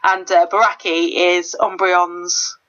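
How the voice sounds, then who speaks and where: A woman's voice: lowish voice, little pitch movement, slow pace, fairly bright tone. A woman chatting playfully as a guest on a game playthrough. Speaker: co-commentator guest. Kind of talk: casual gameplay chat. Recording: dull lo-fi recording.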